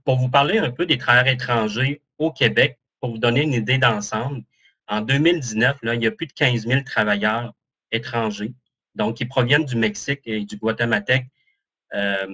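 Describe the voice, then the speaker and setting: A man's voice: medium pitch, bright, forceful tone. A man with a Québécois French accent giving a webinar presentation as an employment counsellor, chatty and joking about himself, with many fillers, speaking over a video call.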